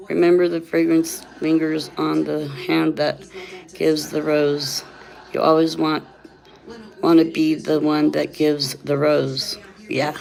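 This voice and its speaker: A woman with a fairly low voice talks in a loose, rambling, conversational way. Missing teeth soften and slur her s, sh and ch sounds slightly. She often tags her phrases with a quick check for agreement. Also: low-quality recording. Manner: often ends phrases seeking agreement with "right". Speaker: vlogger. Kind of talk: casual rambling chat.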